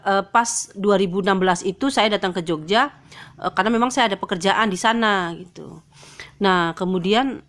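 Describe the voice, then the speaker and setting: A middle-aged woman telling a personal testimony, hesitant and full of fillers and restarts, growing high and strained with emotion. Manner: pitch rises high and tense as she grows emotional. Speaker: convert telling her testimony.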